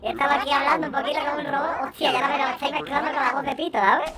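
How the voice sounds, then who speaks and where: A man talking playfully through a high-pitched voice changer. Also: steady tone, racing, over a noisy crowd. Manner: giggly, playful. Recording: noisy stream audio.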